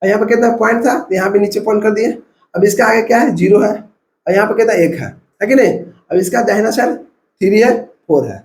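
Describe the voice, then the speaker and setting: Male math tutor with a Bihari Hindi accent, high-pitched, coaching step by step in a roomy space. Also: brisk, gravelly, darkish tone. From India. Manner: step-by-step coaching, repeats numbers aloud. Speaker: math teacher. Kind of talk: classroom math lesson. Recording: echoey room.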